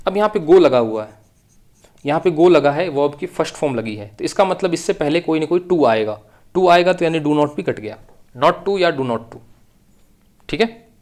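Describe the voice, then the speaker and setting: Guy teaching english grammar for exams, bit high voice, says the same thing over and over. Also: lively intonation, moderate pace, darkish tone. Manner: explains step by step, repeats key phrases. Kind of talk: exam-prep grammar lesson.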